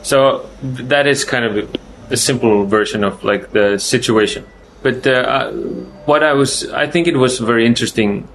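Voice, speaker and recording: An Icelandic film director with an Icelandic accent answers festival interview questions haltingly, searching for words and often starting over. His voice is medium-pitched and a bit bright. The rough recording carries slight background noise.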